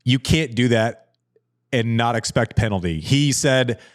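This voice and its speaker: A man's voice: medium pitch, unhurried, no room sound, studio quality. A man in his forties co-hosting a casual chat show, emphatic and repeating phrases for stress. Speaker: podcast co-host.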